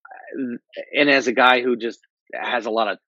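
A man speaking as a cinematographer guest, excitable and quick to laugh as he talks about his work. His voice sits at an ordinary middle pitch. The recording is dry with no room sound and somewhat dull and muffled. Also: no echo. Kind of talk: casual chat.

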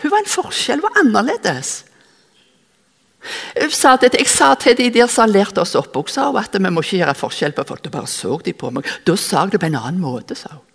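Animated woman preaching in echoing hall. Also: mid-range voice, creaky, slightly rough. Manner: animated storytelling, acting out dialogue. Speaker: speaker at a church service. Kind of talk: sermon with personal story. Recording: long echoing hall reverb.

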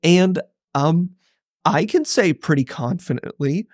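A man, a pastor co-hosting a church podcast, telling stories in a wry, lively, casual way. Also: fairly high pitch, slow pace, dry recording, clean studio sound. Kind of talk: casual conversation.

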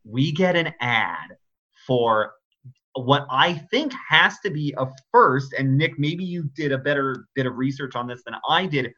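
A man co-hosting a podcast, chatting casually in an animated voice that leaps around his pitch range. He laughs often and swears offhandedly. The recording sounds somewhat dull and lo-fi. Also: a little slow. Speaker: podcast co-host. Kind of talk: casual chat.

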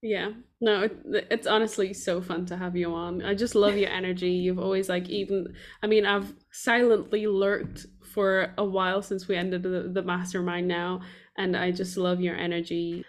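A woman hosting a casual podcast, talking loosely and rambling, thinking out loud as she goes. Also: on the low side, little pitch movement, normal speed. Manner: rambling, loose, lots of fillers and restarts. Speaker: podcast host.

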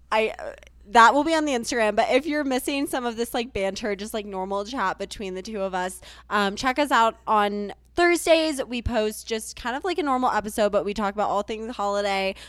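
A woman's voice: fairly high pitch, normal speed, a bit bright, smooth, no room sound, studio quality. A young woman co-hosting a podcast, bubbly in casual chat and plugging the show. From southern US. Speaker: podcast co-host.

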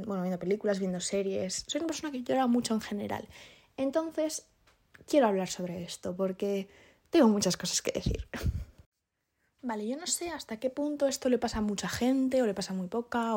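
A young woman, talking alone in a casual, confessional way, chatty and self-deprecating, often laughing and filling pauses. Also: medium pitch, warm tone. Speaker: podcast host.

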